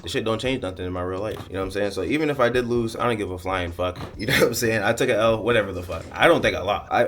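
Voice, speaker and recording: A man's voice: on the low side, fairly bright tone. A young man vlogging in a candid, profane ramble to camera, often smiling and half-laughing as he talks. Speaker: content creator. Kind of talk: casual candid monologue to camera.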